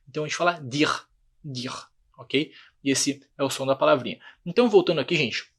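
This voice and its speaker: A man's voice: mid-range voice, fairly bright tone. A Brazilian man with a Brazilian Portuguese accent teaching an online French lesson, patiently repeating words and checking in with his students. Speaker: language teacher.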